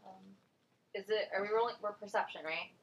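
A woman with a mid-pitched voice checks the rules and plays along with the jokes at a tabletop gaming session. There is clear background noise behind her voice throughout the recording. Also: fairly quick. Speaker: player. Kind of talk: casual tabletop game chat. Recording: noisy recording.

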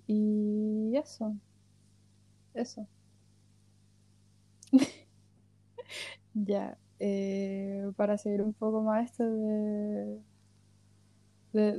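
A woman's voice: mid-range voice, dark tone, dry recording. A woman in her early twenties with a Chilean accent, co-hosting a casual podcast with jokes and frequent laughter. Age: 20s. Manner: joking, self-mocking, laughs often. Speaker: podcast co-host.

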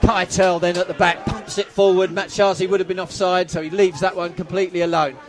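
A male football commentator with a high voice calls the play-by-play live outdoors at the ground, fairly quick and excitable, shouting when goals go in and poking fun at himself. He's losing his voice, and crowd noise fills the background.

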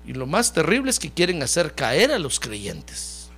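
Animated preaching man with a gravelly voice. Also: fairly high pitch, unhurried. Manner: preaches directly to the congregation, often calling them "hermano"; has the congregation repeat phrases after him. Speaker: pastor. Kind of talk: sermon.

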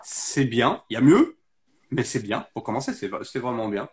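A man's voice: medium pitch, big pitch swings, normal speed, darkish tone. Man explaining tools, hesitant. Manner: explains step by step, lots of hesitations. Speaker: SEO guest. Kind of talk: casual interview talk.

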